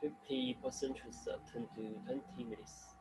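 A young man presents survey results for a class on a webcam, halting often with fillers. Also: mid-range voice, steady tone, over music, poor audio. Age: young adult. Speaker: student presenter.

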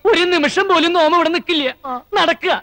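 An actor playing a cheeky male impostor in a film comedy, with an animated, theatrical manner. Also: very high-pitched, fairly quick, dry recording, heavily acted. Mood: indignant. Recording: film soundtrack with background music.

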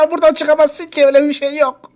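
Man doing a high lecherous little creature. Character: lecherous foul-mouthed little hobbit creature, teasing. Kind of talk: comedy parody dub.

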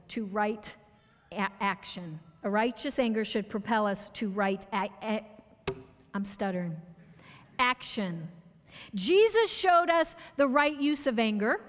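A woman's voice: sits high, a bit bright. An American woman preaching a sermon in a conversational way, asking the congregation questions and sometimes stumbling over words. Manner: conversational, asks the audience questions, restarts and stumbles. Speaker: pastor. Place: church sanctuary. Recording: church hall reverb.

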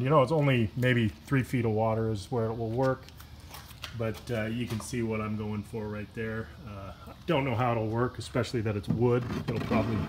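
A man filming a casual vlog outdoors beside a pickup truck, talking in a relaxed, rambling way with lots of "uh" and "you know". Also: medium pitch, slight background noise. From Washington state. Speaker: kayak fishing vlogger. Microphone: handheld phone camera, filming himself off-screen.

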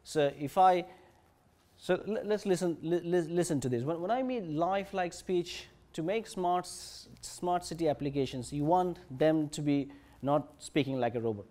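Halting male tech presenter. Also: a little high, warm tone. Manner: halting, with many fillers and restarts. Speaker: conference presenter. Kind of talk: technical conference talk. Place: conference session room.

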